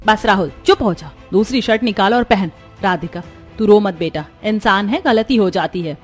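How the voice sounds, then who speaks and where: For a cartoon story, a woman plays a caring, kind mother-in-law of middle age, speaking at medium pitch and normal speed with soft music behind her. Her lightly acted delivery is soothing but gently firm.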